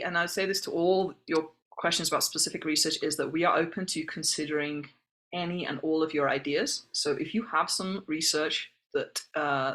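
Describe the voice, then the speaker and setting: Speaking in a low, slightly bright voice, a woman runs an online information session over video call. She reads questions from the chat and answers them in a helpful, explanatory manner.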